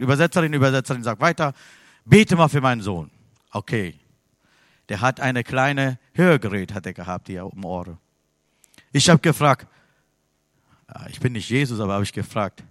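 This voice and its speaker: A man from Sri Lanka preaching a sermon in with grammar slips, telling a story, then turning loud and emphatic. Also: mid-range voice, no room sound, clean studio sound. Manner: non-native German with grammar slips.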